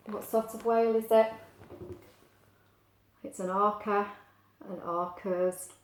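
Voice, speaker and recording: A woman reads a picture book aloud to young children, explaining things simply and tossing in chatty asides. Her mid-range voice stays fairly even and unhurried. The recording sounds echoey and roomy.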